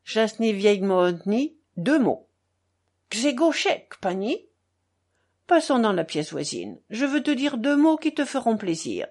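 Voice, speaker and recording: A woman reading a novel aloud, voicing a reckless, hot-headed young man who speaks loud and raised. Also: on the high side, very animated, slow pace, heavily acted.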